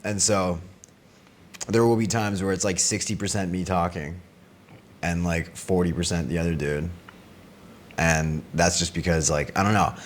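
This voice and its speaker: A man's voice: sits low, steady tone, normal speed, pauses often, a little hiss or hum. A young man hosting a casual podcast, chatting in an informal, slangy, profane way with a friend. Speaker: podcast host. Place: villa in Greece, in-person podcast.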